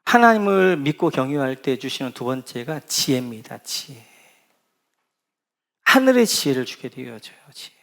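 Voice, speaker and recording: A man's voice: medium pitch, sing-song, moderate pace, vocal fry, a bit bright. A middle-aged man preaching a sermon in a church, leading the congregation through scripture readings and firing questions at them before answering them himself. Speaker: pastor. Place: church sanctuary.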